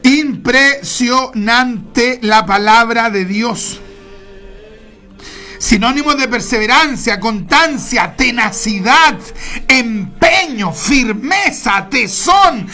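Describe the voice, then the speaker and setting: A woman preaching a sermon, emphatic and repetitive, stretching key words and now and then bursting into shouts. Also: fairly high pitch, animated, very slow, soft background music.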